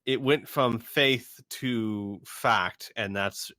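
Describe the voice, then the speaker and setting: A man's voice: mid-range voice, extremely slow, sharp tone, dry recording, clean studio sound. A man running a tabletop role-playing game as game master, talking casually with his players. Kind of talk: casual game talk and narration among players.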